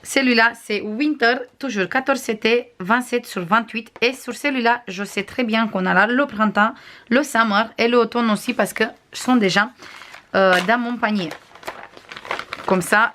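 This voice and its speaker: A woman crafts vlogger with a non-native accent, casually reviewing and showing items to the camera, often pausing with hesitations. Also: fairly high pitch, fairly bright tone, a little hiss or hum. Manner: chatty, frequent hesitations, shows items to camera.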